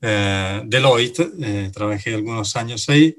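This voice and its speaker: This finance director, a middle-aged man from Italy, speaks at a fairly low pitch as a guest on a radio interview. His Italian-accented answers stumble along with many pauses and filler words.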